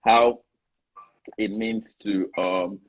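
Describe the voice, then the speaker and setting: A man hosting a casual live discussion, animated and often restarting his sentences. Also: fairly low pitch, extremely slow, poor audio. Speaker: host.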